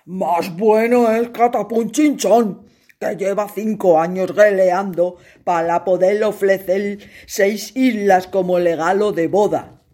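A woman voicing a stern old king who scolds loudly. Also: mid-range voice, steady tone, slow. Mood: scolding. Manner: loud and scolding.

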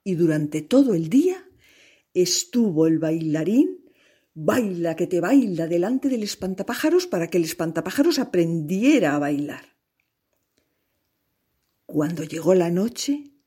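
A woman narrating a children's tale in an expressive, unhurried way. Her voice is husky and a little low, and she adds small sighs and asides as she goes. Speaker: storyteller. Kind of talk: oral storytelling.

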